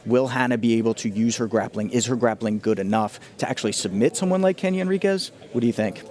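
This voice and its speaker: A man's voice: medium pitch, quick pace, darkish tone. A man giving casual, slangy and enthusiastic fight analysis as a commentator.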